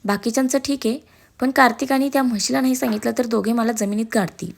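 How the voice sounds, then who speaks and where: A woman's voice: a little high, fast, gravelly. Brief: woman voicing a joking, sarcastic young man, hyper and complaining, storybook style.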